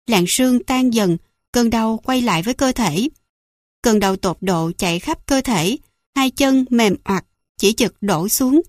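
Woman, audiobook narrator, first-person fantasy, dramatic emotional reading, fairly high voice, dry close sound. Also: lively intonation, unhurried, a little mellow, no echo.

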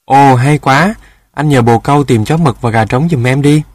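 A man's voice: medium pitch, normal speed, darkish tone, dry recording, clean studio sound, lightly acted. A man voicing a curious, naive little boy in a storybook, asking eager questions.

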